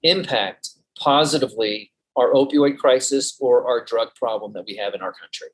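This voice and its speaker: Man calmly reciting statistics. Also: medium pitch, normal speed, rough recording. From Colorado. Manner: steady, lists figures methodically. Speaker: physician guest. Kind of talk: interview.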